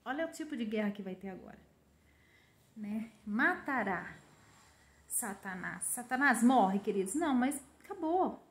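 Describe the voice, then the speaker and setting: Brazilian woman, informal prophetic preacher, chatty, slightly high voice. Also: lively intonation, measured pace, reverberant. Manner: chatty, keeps adding "né?", often laughs. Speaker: religious preacher. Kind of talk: informal prophetic sermon to online followers.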